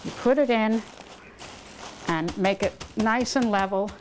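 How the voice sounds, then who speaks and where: Woman calmly instructing a cooking demo. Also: medium pitch, unhurried, a little hiss or hum. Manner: patient step-by-step instructing. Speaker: guest cook. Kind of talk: cooking demonstration. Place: home kitchen. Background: clinking dishes and cutlery.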